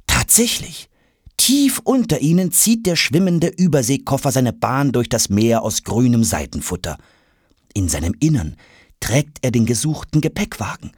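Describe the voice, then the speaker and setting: A man narrating a children's audiobook in an expressive, dramatic way. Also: mid-range voice, normal speed, husky, no echo, studio quality. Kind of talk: scripted storybook narration.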